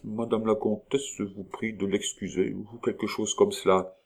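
A man's voice: lowish voice, little pitch movement, measured pace, vocal fry. A man reading aloud and voicing a sly young woman who poses as a princess and feigns innocence. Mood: animated.

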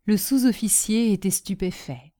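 Warm-voiced woman narrating a classic novel. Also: mid-range voice, normal speed. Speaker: audiobook narrator. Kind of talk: literary narration.

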